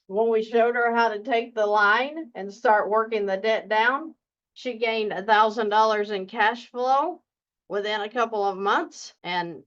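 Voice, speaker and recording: A woman with a deep Southern US accent coaching viewers in a casual, folksy, earnest and urging way. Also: fairly bright tone, muffled recording. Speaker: personal finance coach and video host.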